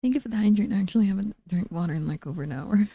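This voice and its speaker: A woman streamer chatting casually with her live chat in a soft, low-key way. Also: very fast, vocal fry, breathy edge, no echo, muffled recording.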